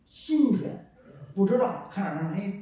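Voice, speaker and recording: A man performing live crosstalk comedy on a theater stage, animated and teasing the audience. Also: sits high, moderate pace. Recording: echoey hall from far off.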